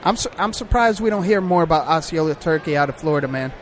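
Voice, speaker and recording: Laid-back man, higher voice. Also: lively intonation, fast, a little hiss or hum. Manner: laid-back, swears, laughs often. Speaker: podcast co-host. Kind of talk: casual chat.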